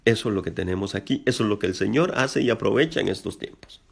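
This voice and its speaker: A middle-aged man preaching a sermon earnestly, spelling out words slowly and addressing his listeners directly. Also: on the low side, gravelly, slightly rough. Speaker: pastor.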